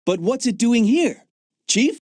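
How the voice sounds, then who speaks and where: A jokey young gadget agent. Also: male voice, very high-pitched, sing-song, takes it slowly, a little mellow, no echo, studio quality, exaggerated voice. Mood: eager. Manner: chatty, jokey, enthusiastic. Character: upbeat young male agent, gadget-loving joker. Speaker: game character, field agent. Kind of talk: video game voice acting. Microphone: dry studio mic.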